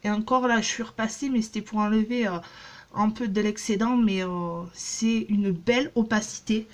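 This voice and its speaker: A woman's voice: mid-range voice, steady tone, normal speed. A woman in her thirties chatting casually in a haul vlog, rambling with many fillers and restarts. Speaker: beauty vlogger.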